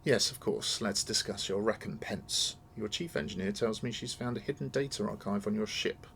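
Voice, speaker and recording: A man voicing a courteous older nobleman in a video game, measured and formal. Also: fairly low pitch, gravelly, fairly bright tone, a little hiss or hum. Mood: businesslike. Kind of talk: read-aloud of video game dialogue.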